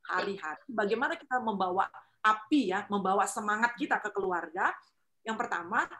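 Lively woman giving faith talk. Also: mid-range voice. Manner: lively, acts out quoted voices, frequent tag questions.

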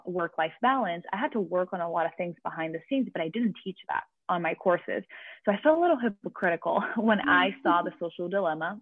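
Heard over a dry, tinny line that sounds like a phone, a career coach from Venezuela speaks with a Venezuelan Spanish accent as a podcast interview guest. Her voice is lowish with no echo, and she talks energetically, often restarting.

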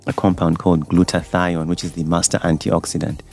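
Deep-voiced man explaining calmly. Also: brisk, creaky, faint music behind. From Uganda. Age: 40s. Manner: relaxed, explanatory, with fillers like um. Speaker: doctor and guest. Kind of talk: radio interview. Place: radio studio.

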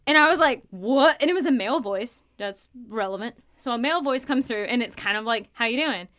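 A young woman co-hosting a podcast, excitedly retelling a ghost investigation in casual chat with lots of fillers. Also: fairly high pitch, fast talker. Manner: animated, filler-heavy retelling of a ghost hunt. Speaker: podcast co-host.

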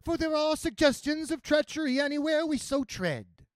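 A man's voice: very high-pitched, normal speed, dry recording, studio quality, pitched above the performer's own voice. A man voicing a fierce woman warrior, a nun turned mercenary, speaking formally in a raised voice. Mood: wary.

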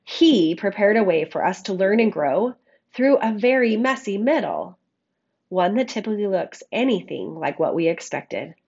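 A woman podcast host with a scratchy frog voice, hoarse from a cold, giving a reflective monologue and addressing listeners affectionately on a makeshift microphone. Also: medium pitch, expressive, normal speed, a little mellow, highs cut off. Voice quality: scratchy, froggy voice. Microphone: makeshift microphone, not a studio one.

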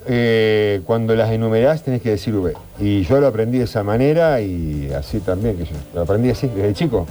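A man's voice: fairly low pitch, expressive, a little fast, dark tone, soft background music. An Argentine man on a radio panel, arguing his point insistently in casual banter. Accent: Argentine Spanish. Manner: insistent, argumentative.

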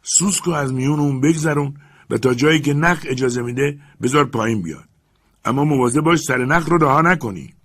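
A man's voice: medium pitch, pitched above the performer's own voice, lightly acted. Man doing a feverish commanding master. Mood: urgent, commanding. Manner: loud urgent shouted commands. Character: excitable obsessed male master, commanding.

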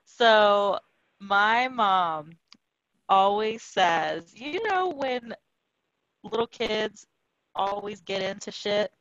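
A woman's voice: medium pitch, animated, very slow, a bit bright, no echo. A woman co-hosting a podcast, telling a story in casual chat, chatty and laughing. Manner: chatty, laughing, mixes in Spanish quotes. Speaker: podcast co-host. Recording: dull dry lo-fi sound.

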